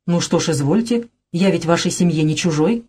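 A woman reading the part of a proud, scheming gentleman suitor in a haughty, insistent way. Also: lowish voice, brisk, slightly rough. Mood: indignant.

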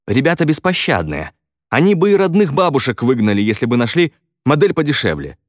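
A man's voice: mid-range voice, very animated, fairly quick, no room sound, clean studio sound, pitched above the performer's own voice. A man voicing a weary middle-aged male foreman who scolds curtly. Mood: resigned. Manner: curt, clipped and scolding.

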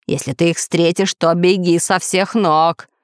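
A woman voicing a boastful, scheming male villain who calmly brags about his monsters in a children's story. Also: fairly low pitch, a little slow, clean tone, no echo, clean studio sound, close to an everyday voice. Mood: smug, boastful. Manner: calm, boastful.

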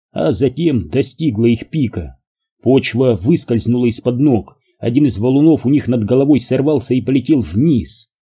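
A man narrating an audiobook in an even, measured reading. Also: mid-range voice, slightly rough.

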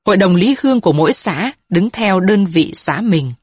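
A woman reading a scripted story narration in a slow, measured and even way. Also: medium pitch, breathy edge, no echo, studio quality.

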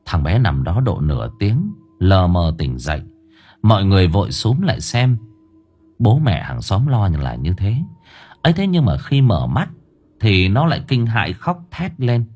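A man narrating a ghost story in an expressive, lively storytelling manner. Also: lowish voice, moderate pace, breathy edge, faint music behind. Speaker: audiobook narrator.

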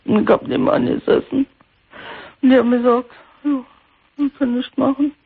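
A woman in her sixties calling in to a radio show, grieving and near tears, speaking haltingly and repeating herself. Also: high voice, fairly even intonation, creaky, husky. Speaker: caller. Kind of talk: phone-in call. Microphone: telephone. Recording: tinny phone line.

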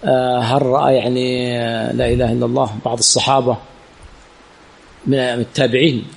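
On a low-quality recording, a sheikh with a gravelly, medium-pitched voice speaks briskly, with little pitch movement. He is teaching hadith chain studies in a religious teaching center, a classroom lesson with Q&A where he quizzes students rhetorically and repeats key words.

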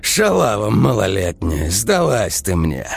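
A man's voice: lowish voice, sing-song, measured pace, vocal fry, breathy edge, dry recording, voice pushed up, full character voice. A man voicing a cocky, cruel teenage bully who drawls mocking remarks, often starting with a grunted "eh". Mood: sneering mocking.

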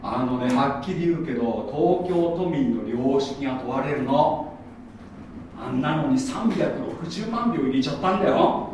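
Lively chatty pastor in an echoey hall. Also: male voice, on the high side, moderate pace, slight background noise. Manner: chatty, mocking asides, lively storytelling. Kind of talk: sermon. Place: church hall. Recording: echoey room from far off.

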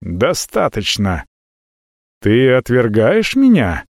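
A man voicing an ancient, scornful dragon, speaking low, slow and quietly menacing in a fantasy audiobook. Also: wildly swooping pitch, creaky, no room sound, clean studio sound, exaggerated voice. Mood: cold.

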